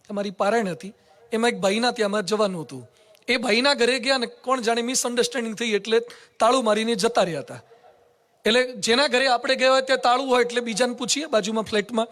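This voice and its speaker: A man with a Gujarati accent, a monk giving a sermon, who tells stories and swings between hushed asides and loud exhortations. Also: extremely high pitch, quick pace. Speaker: Swaminarayan monk giving a moral discourse. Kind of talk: sermon with told stories and acted quotes.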